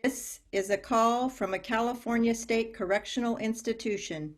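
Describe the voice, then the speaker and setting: A woman reading the part of an automated prison phone message in a flat, formal announcing tone. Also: on the high side, normal speed, lightly acted. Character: recorded prison phone operator message, female. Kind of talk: staged play reading.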